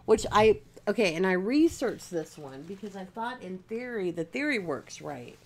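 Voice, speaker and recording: A woman's voice: medium pitch, very animated, normal speed, a little mellow. A woman livestreaming while she crafts, chatting casually and rambling to her viewers with lots of fillers.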